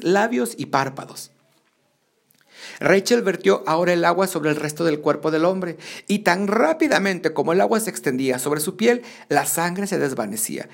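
A man reads a novel aloud in a steady, storytelling voice that is gravelly with fry. His pitch sits a little high, and he restarts lines when he stumbles. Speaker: audiobook reader.

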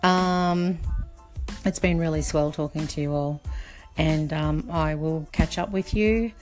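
A woman's voice: sits low, steady tone, slow, faint music behind. A middle-aged woman from Australia hosting a casual podcast, chatty and rambling with many fillers. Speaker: podcast host.

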